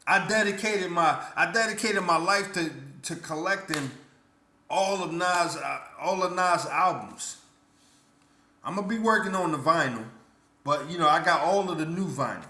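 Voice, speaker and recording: A man's voice: a little high, normal speed, pushed and bright. A man vlogging his blunt, indignant opinion in casual speech full of stammered restarts. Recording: roomy echo.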